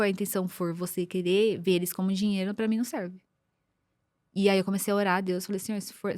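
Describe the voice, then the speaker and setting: Brazilian woman guest, mid pitch, dry close sound, storytelling with frequent throat clearing. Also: darkish tone, no room sound. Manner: storytelling, clears her throat often, trails off and restarts. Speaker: podcast guest, marketing mentor. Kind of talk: personal testimony in casual conversation.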